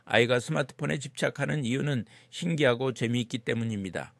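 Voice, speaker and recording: Male narrator, mid-range voice, measured explanatory read of scripted text, dry recording. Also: medium pitch, gravelly, fairly bright tone, no echo. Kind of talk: scripted narration, reading aloud an informational parenting text.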